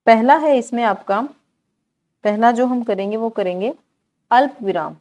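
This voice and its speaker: Her voice is a little high and a little mellow, and the recording sounds muffled. She's a woman leading grammar practice for an exam, questioning the class, answering herself, and repeating key terms slowly.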